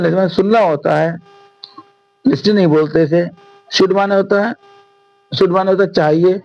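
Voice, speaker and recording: A man from India with a Hindi accent, teaching an English lesson in Hindi and reading the English lines out slowly. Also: high voice, vocal fry, muffled recording. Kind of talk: classroom lesson explanation.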